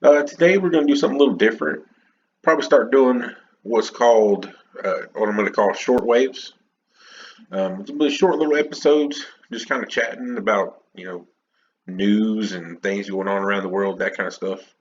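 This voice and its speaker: Alone on his own podcast, a man chats unscripted and opinionated, rambling with lots of restarts and fillers. His lowish voice moves at a moderate pace, recorded lo-fi with a little hiss or hum.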